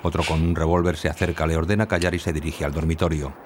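A man narrating an audio description of a film in a brisk, neutral manner. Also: a bass voice, steady tone, a little mellow, slight background noise. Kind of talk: scripted narration.

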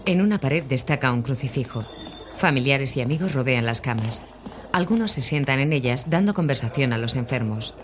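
An even, neutral audio describer. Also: mid-range voice, fairly quick, slight background noise.

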